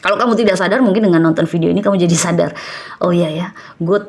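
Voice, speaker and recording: Woman tarot reader, husky, chatty, animated, quick, acts out quotes. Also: fairly low pitch. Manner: animated, with sound effects and acted-out quotes; quick, chatty, laughs often. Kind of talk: casual tarot reading to camera.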